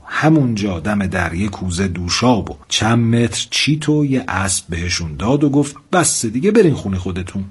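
Husky male folktale storyteller. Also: mid-range voice. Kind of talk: folktale narration.

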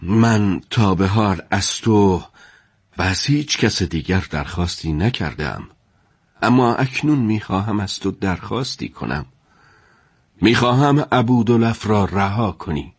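A man's voice: fairly low pitch, lively intonation, slightly rough, dry recording, clean studio sound. A man voicing an earnest middle-aged male judge who pleads and reasons in a told story. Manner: earnest, imploring.

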